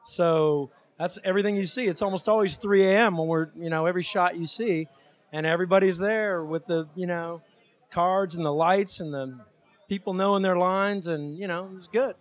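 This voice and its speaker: Higher voiced guy, filmmaker, rambly casual red carpet chat. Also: normal speed. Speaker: filmmaker interviewed at premiere. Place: film premiere red carpet at a theater.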